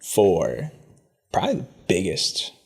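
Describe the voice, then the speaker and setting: Animated, swearing podcast host. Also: male voice, low voice, slow, creaky. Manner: profane, bro-ish, laughing. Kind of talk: casual interview chat.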